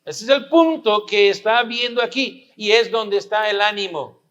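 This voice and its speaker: A man's voice: high-pitched, moderate pace, a bit bright, muffled recording. A pastor preaching a sermon, pressing his listeners with rhetorical questions and repeating his points for emphasis.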